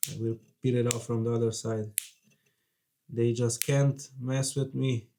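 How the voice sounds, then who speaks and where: Male vlogger, congested with a cold, slow and chatty, nervously excited hands-on narration. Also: mid-range voice. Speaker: PC building vlogger.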